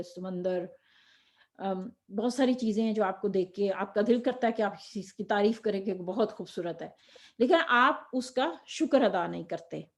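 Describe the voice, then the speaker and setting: A woman's voice: medium pitch, a little mellow. A woman giving a religious lecture to other women, explaining step by step with rhetorical questions and slipping in English words. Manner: mixes Urdu with English words. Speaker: Quran teacher.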